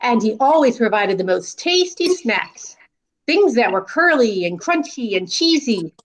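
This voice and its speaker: A woman's voice: a little high, sing-song, measured pace, low-quality recording. A woman reading a children's storybook aloud as a school staff reader.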